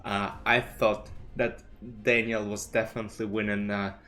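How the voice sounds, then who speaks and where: A chess streamer whose first language is Russian speaks at normal speed in a lowish voice with little pitch movement, sounding pushed and bright. His casual vlog commentary rambles, full of "you know" and restarts. He streams from a home desk with a desk mic and webcam.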